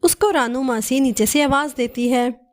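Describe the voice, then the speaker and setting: A woman tells a children's cartoon story in a scripted narration style. Her voice sits slightly high and stays steady and clear. The delivery is even and explains each scene plainly. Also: normal speed.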